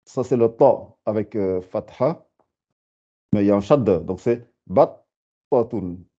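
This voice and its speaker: A man teaching a beginners' lesson, patiently repeating words and sounding them out slowly. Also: fairly low pitch, warm tone. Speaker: Arabic teacher. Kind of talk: slow spoken lesson. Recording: dull lo-fi sound.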